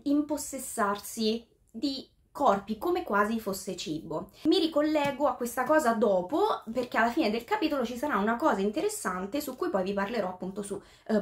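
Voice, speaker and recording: A woman reviewing a book in a casual, thinking-aloud way, full of fillers and restarts, sometimes reading passages out in English. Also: a little high.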